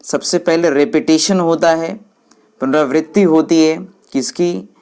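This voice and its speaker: Speaking to viewers like friends, a woman with a low, warm voice teaches English slowly, point by point, and restates each English phrase in Hindi.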